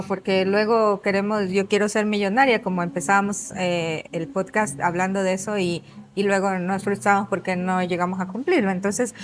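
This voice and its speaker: A woman's voice: mid-range voice, slight background noise. A woman hosting a podcast interview who asks questions and gives short affirmations. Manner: attentive, frequent short affirmations. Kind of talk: interview conversation. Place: café.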